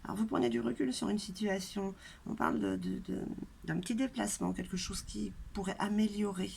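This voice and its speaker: Nasal, congested woman with a very gravelly creak. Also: medium pitch, a little fast, a little mellow. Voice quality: nasal, congested stuffed-up voice from a blocked throat. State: congested throat, coughing and throat-clearing. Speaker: tarot reader and channel host. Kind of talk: casual chatty tarot reading to viewers. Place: outdoors in a light wind. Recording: noisy outdoor recording with wind.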